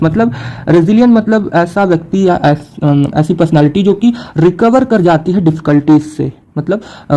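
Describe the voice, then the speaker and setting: A young male teacher with a warm, mellow, slightly raised voice explains words in Hindi. He reads English definitions slowly in an Indian accent and pauses on fillers to keep his students with him. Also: a little high, rough recording. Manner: frequent fillers and "theek hai" checks. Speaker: exam prep teacher. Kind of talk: vocabulary lesson.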